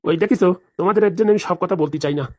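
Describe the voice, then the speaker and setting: A woman's voice: fairly low pitch, racing, a little mellow, pitched below the performer's own voice, lightly acted. A woman voicing a brusque, bossy middle-aged husband in a cartoon, in a hurry to get to the office. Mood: gossiping. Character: deep-voiced gruff husband, middle-aged man, hurried. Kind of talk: cartoon voice acting.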